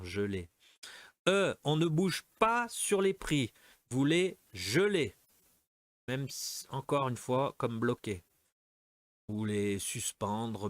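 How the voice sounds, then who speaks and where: Male language teacher, unhurried and patient, dry close sound, keeps checking in with students. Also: mid-range voice, fairly bright tone, no echo. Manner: patient, checks in often with "d'accord?". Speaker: French teacher. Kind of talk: language lesson, correcting exercises.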